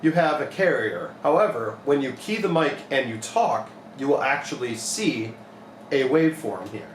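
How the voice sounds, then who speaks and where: A young repair technician with a mid-pitched voice demonstrates a modification in a practical, informal tutorial, explaining each step plainly as if at the bench. His intonation is lively and his pace moderate. The small, cluttered indoor electronics workshop sounds echoey, with background noise.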